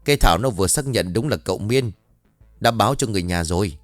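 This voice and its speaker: A gossiping older village woman explains things in a plain, knowing tone, as a male narrator voices her. Her voice is low and dry, close to the mic, over faint music. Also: lively intonation, fast, no echo, lightly acted. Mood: gossipy. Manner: matter-of-fact gossip.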